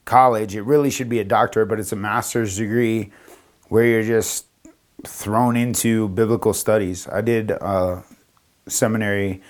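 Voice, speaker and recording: A man's voice: lowish voice, normal speed. A man from Florida, a pastor, telling his story casually on a podcast and acting out the dialogue. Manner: animated, acts out quoted dialogue in a raised voice.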